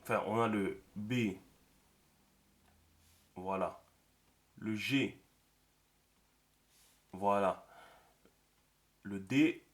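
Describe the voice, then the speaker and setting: A man teaches a writing system in a screen-recorded tutorial, talking to himself as he draws and using many fillers. His voice is lowish, with drawn-out words and long pauses.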